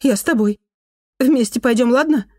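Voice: mid-range voice, moderate pace, mellow, no room sound, studio quality, voice pushed up, close to an everyday voice. A reader voicing a frightened young woman in an audiobook, pleading with the older woman beside her. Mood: anxious. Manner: anxious, pleading.

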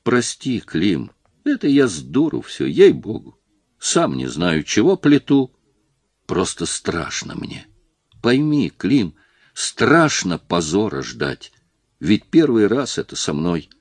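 A man's voice: deep voice, sing-song, measured pace, long pauses, no echo, exaggerated voice. Man reading as a whining nervous drunk. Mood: tearful pleading. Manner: whining, wheedling, then pleading. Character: nervous drunk middle-aged factory man, pleading.

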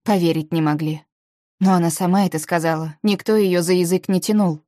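A woman reading a first-person novel aloud as an audiobook narrator, in a measured storytelling way. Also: fairly low pitch, fairly even intonation, mellow, dry recording, studio quality.

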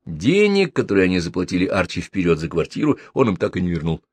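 A man's voice: deep voice, huge pitch swings, quick pace, slightly rough, dry recording. A man reading a novel aloud as narrator, wry and ironic. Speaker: audiobook narrator. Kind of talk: literary audiobook reading.

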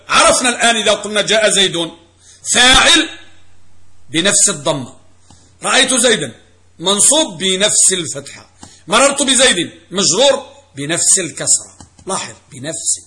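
A man's voice: high-pitched, sharp tone. A middle-aged man teaching a classroom grammar lesson as a religious teacher, quizzing students and repeating key phrases.

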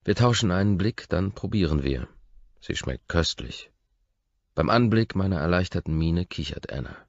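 A man narrates a first-person audiobook in a calm, measured, intimate tone. His voice sits extremely low with a gravelly fry. The close, dry recording sounds slightly dull. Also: dry recording.

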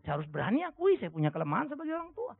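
A man's voice: very fast, creaky, slightly rough, dry recording. A middle-aged male pastor preaching a sermon, telling anecdotes animatedly and acting out the voices of the people in them. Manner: animated storytelling, acting out voices with big pitch jumps. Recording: dry, phone-like narrow sound.

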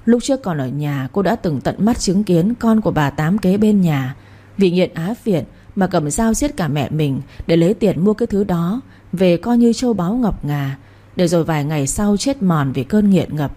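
A woman narrating a story in a steady, even reading voice. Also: lowish voice, normal speed.

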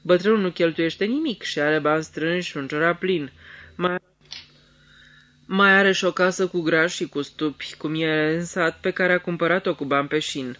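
A man's voice: on the high side, sharp tone. A man voicing a sly, fawning jockey servant in a radio theatre reading, servile and ingratiating.

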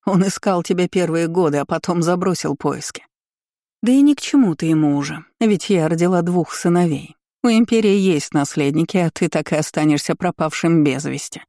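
In an audiobook reading, a male narrator voices a spiteful, scheming middle-aged empress who sneers and barks orders at her servants with a mocking air. His delivery is fairly high and fairly quick, mellow in tone, natural-sounding, and recorded dry and close.

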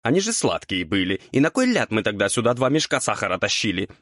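A man's voice: on the low side, big pitch swings, fast, a bit bright, no echo, clean studio sound. A man voicing a lazy, cheeky male imp who grumbles and bickers. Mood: grumbling. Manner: grumbling, sulky.

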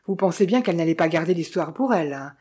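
A woman's voice: on the low side, animated, quick pace, a little mellow, breathy edge. A woman reading an audiobook and voicing a chatty, knowing male village innkeeper who gossips and teases. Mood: gossipy. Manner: gossipy, teasing, confiding. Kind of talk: audiobook character voice.

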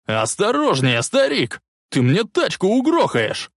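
A man voicing a brash young bully who talks in a loud, mocking way. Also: fairly high pitch, very animated, measured pace, no room sound, clean studio sound, pitched above the performer's own voice, exaggerated voice. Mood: shouting.

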